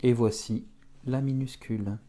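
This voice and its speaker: A man teaching beginners to write letters, talking them slowly through each stroke. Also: medium pitch, fairly even intonation, warm tone. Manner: slow, step-by-step instruction. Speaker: Russian teacher. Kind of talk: handwriting lesson for beginners.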